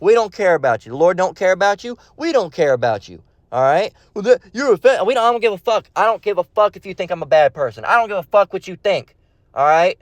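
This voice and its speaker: A street preacher reads scripture and delivers an unscripted sermon in a blunt, confrontational, slangy way, repeating points and punctuating them with "okay?" and "all right?" His high, sing-song voice moves at a quick pace. The recording has no room sound and a dull, dry lo-fi quality.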